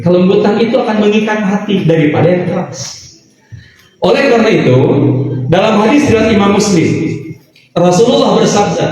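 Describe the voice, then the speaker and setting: A man preaching a sermon in a lively, sing-song way, quoting Arabic phrases. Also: high-pitched. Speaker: Islamic preacher. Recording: echoey hall, voice from far off.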